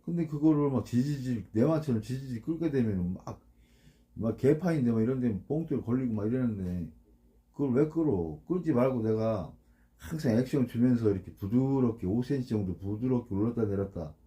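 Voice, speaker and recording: A fishing boat captain gives anglers casual, blunt advice in a brisk, expressive, warm voice of medium pitch. He keeps asking for agreement and mimics the sounds of the gear.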